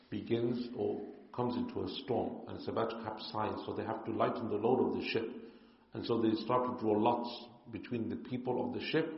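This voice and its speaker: A man teaching a religious lesson in a calm, explanatory way. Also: on the low side, creaky. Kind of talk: religious lecture. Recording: echoey hall, muffled.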